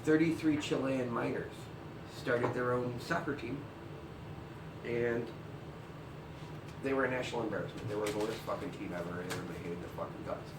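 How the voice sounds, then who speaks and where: A man co-hosting a comedy news segment, delivering crude jokes in a dry deadpan. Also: mid-range voice, a little fast, long pauses, roomy sound, distant mic, background noise.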